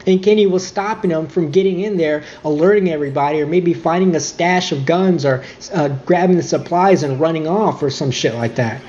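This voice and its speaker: A man's voice: a little high, brisk, few pauses, darkish tone, muffled recording, slight background noise. A young man reviewing a game in a casual, irritated rant full of swearing and nitpicks.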